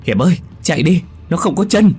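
A man's voice: fairly low pitch, animated, quick pace, a little mellow, faint music behind, lightly acted. A man voicing a timid, easily frightened young village man who stammers. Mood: screaming.

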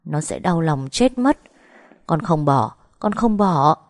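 A woman's voice: sits low, animated, takes it slowly, a little mellow, dry recording, clean studio sound, full character voice. A woman voicing a desperate young pregnant woman who refuses through tears, pleading insistently.

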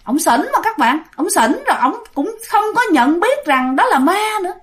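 A woman's voice: extremely high pitch, sing-song, normal speed. A woman with a Southern Vietnamese accent telling ghost stories in a chatty, casual way, often addressing her listeners. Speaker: ghost story narrator. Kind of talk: casual storytelling.

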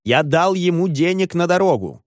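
A man doing a frantic duped gentleman. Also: sits high, lively intonation, normal speed, no room sound, clean studio sound, voice pushed up. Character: agitated middle-aged gentleman duped, raving.

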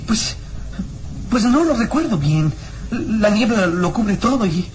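An anxious, loyal young boy from an old radio drama, on a noisy recording. His pitch leaps about as he speaks, hesitant and earnest. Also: animated, takes it slowly, highs cut off. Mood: earnest, troubled. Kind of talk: radionovela acting.

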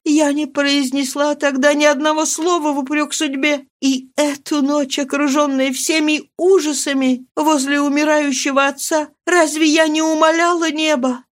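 Woman reading as a fragile young noblewoman, high pleading voice, trembling despair, audiobook. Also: level tone, normal speed, few pauses, lightly acted. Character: young grief-stricken noblewoman, desperate and fragile.

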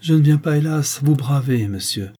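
A man's voice: on the high side, moderate pace, mellow, breathy edge, voice pushed up. A man voicing a timid male ex-convict who begs in a trembling voice, in a read-aloud novel. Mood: pleading.

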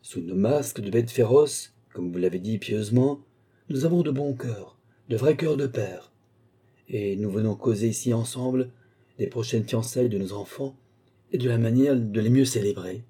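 A man's voice: mid-range voice, moderate pace, dark tone, husky, lightly acted. A man voicing a scheming medieval count who speaks with mocking irony.

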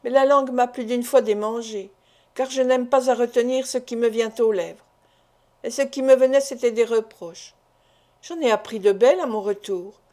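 A woman's voice: a little high, normal speed, darkish tone, close to an everyday voice. A woman voicing a wealthy, worldly older father who scolds his son and then coaxes him in a familiar tone, in an audiobook reading. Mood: reproachful.

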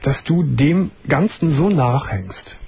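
A man's voice: fairly high pitch, slow pace, a little hiss or hum. A man hosting a late-night radio call-in show, asking a caller probing questions and cutting in firmly to make his point. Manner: probing, interrupts firmly, steady agreeing murmurs. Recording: radio broadcast studio mic.

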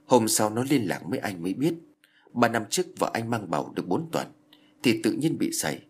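A man narrating an audiobook in a steady storytelling manner. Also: on the low side, a little fast, husky. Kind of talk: scripted narration.

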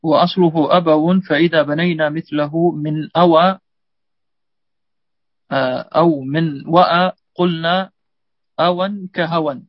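A man, a student reading a grammar text aloud in a lesson with hesitant pauses. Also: on the high side, fairly even intonation, no echo. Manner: hesitant, reads with fillers and restarts. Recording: dull lo-fi dry recording.

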